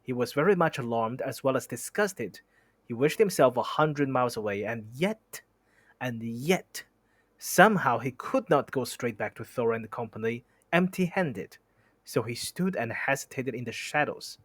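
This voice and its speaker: A man's voice: medium pitch, animated, normal speed, fairly bright tone, no echo. A young man reading a novel aloud on a stream who trips over words and stops to comment. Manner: reads steadily, stumbles on words and stops to comment. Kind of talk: reading a book aloud with asides.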